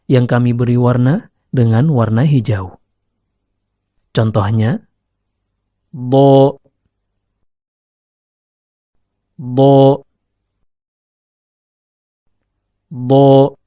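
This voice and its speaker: A man giving slow, deliberate scripted narration as a recitation teacher, demonstrating each sound himself. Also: mid-range voice, no echo. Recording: dry, slightly dull lo-fi recording.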